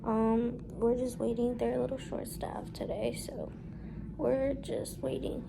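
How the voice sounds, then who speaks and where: Weary woman with a gravelly voice. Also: fairly high pitch, little pitch movement. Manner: slow, weary, drops to a whisper. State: tired and exhausted. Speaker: vlogger. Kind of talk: vlog update to camera. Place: hospital room. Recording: noisy hospital room ambience.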